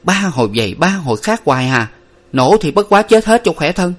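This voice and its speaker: A man's voice: fairly high pitch, fast, voice pushed up, lightly acted. Man voicing a fierce young woman, eldest sister. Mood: impatient. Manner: sharp, scolding.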